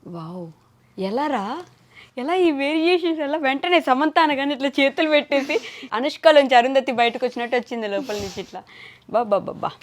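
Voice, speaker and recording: A woman's voice: high voice, a little fast. A young adult woman interviewing a young guest in a playful, teasing way. She chats loosely and laughs often.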